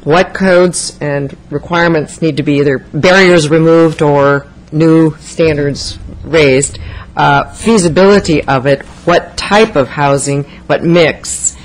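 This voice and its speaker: A man chairing a city meeting, pausing and repeating words as he steers the discussion into a table microphone. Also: a little high, fairly even intonation, low-quality recording.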